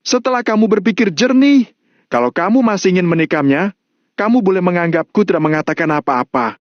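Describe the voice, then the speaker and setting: A steady young man warning a friend with urgent sincerity, as a man puts him on. His voice sits higher than normal speech. The recording is dry and dull. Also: fairly quick, no room sound. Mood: earnest.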